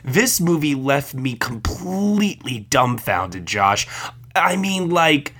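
Sick podcast host, bright forceful male voice. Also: a little high, sing-song, takes it slowly. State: sick, under the weather. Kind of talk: casual film review chat.

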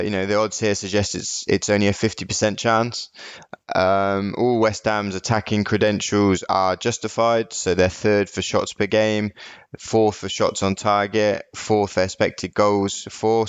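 A man's voice: on the low side, clean tone, no echo. A man giving football betting tips on a podcast, reeling off statistics with hesitant fillers and self-corrections. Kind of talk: casual podcast analysis.

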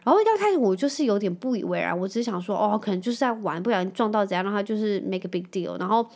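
A woman's voice: medium pitch, lively intonation, racing, darkish tone. A woman in her thirties with a Taiwanese Mandarin accent, hosting a casual storytelling chat and dropping English words into her talk. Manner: chatty, drops English words into speech. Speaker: podcast host.

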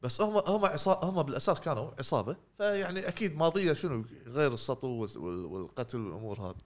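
A man talks very fast in casual gaming podcast chat. He rambles, trailing off mid-word and restarting often, at a middling pitch. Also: animated. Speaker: podcast co-host.

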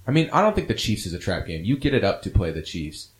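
Brief: man, low voice, casual opinionated sports host, rambling delivery. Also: very animated, fast talker. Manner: rambling, opinionated, frequent fillers. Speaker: podcast host.

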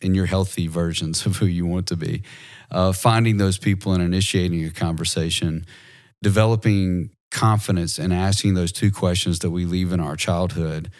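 Deep-voiced man speaking thoughtfully. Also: fairly even intonation, normal speed, darkish tone, no echo, clean studio sound. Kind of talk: casual conversation.

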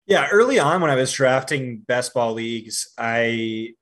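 Man talking fantasy football, halting. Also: mid-range voice, expressive, fairly bright tone. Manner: frequent fillers and repeated starts, confident opinions. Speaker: fantasy football analyst guest. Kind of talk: casual podcast discussion.

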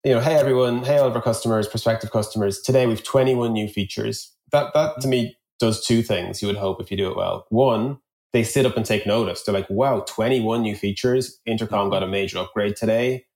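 Speaking a little fast in a low-leaning voice with a darkish tone, a man talks through examples and thinks out loud at length. He's a product executive guesting on a conversational podcast. The audio has a roomy echo.

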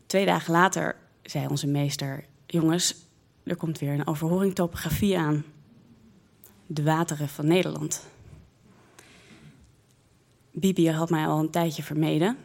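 A woman recounts a childhood memory in the first person, taking her time and bringing the scenes to life. Her voice sits slightly low. She tells it as a personal story to listeners. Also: creaky. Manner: slow, lively, expressive storytelling.

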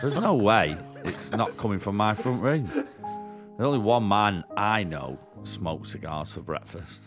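A man reading a comic story as a streetwise onion, in a deadpan manner. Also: on the low side, a little slow, over music. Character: streetwise male onion narrator, gruff.

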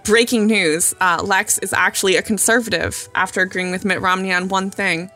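A woman's voice: mid-range voice, steady tone, moderate pace, pushed and bright, soft background music. A woman co-hosting a casual podcast, reading aloud and trading sarcastic jokes with frequent laughs. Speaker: podcast co-host.

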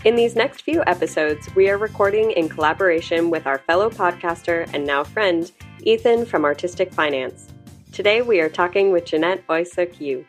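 A woman co-hosting a podcast, reading a scripted intro in a plain, steady way. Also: on the low side, normal speed, soft background music. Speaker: podcast co-host.

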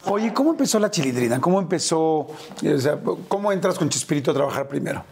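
A woman interviewer who asks quick, curious questions in a casual way. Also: deep voice, animated, darkish tone.

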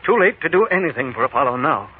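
A man's voice: mid-range voice, quick pace, phone-quality sound, slight background noise, lightly acted. An actor playing an anxious older male scientist in a 1940s radio drama, speaking animatedly, recorded from an old radio broadcast. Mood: stunned. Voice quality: animated, breathless delivery.

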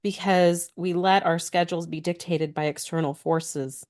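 A woman's voice: fairly low pitch, fairly even intonation, moderate pace, a little mellow. A woman co-hosting a podcast and speaking in the earnest, encouraging tone of a business coach. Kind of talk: casual podcast chat.

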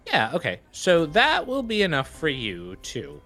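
A man running a tabletop role-playing game as game master, narrating in a casual, halting way. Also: on the high side, huge pitch swings, bright, forceful tone. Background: background music.

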